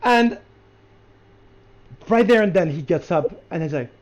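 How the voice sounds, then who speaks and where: A podcast co-host reviewing a show in casual chat, excited and quick, with many restarts. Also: mid-range voice. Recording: lo-fi podcast audio.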